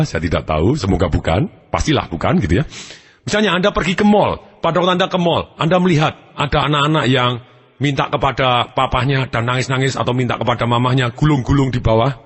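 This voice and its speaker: A man's voice: mid-range voice, fast talker, husky, in a large hall. A man giving a motivational seminar lecture, speaking animatedly and acting out examples.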